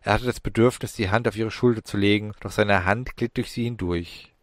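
A man reading a fantasy audiobook in a measured, dramatic narration style. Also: fairly low pitch, steady tone, no echo, clean studio sound. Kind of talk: scripted storybook narration.

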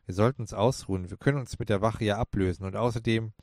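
Brisk young woman in a storybook, a male reader's own low voice, earnest, dry read. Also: a little mellow, no echo, natural voice. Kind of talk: storybook character voice.

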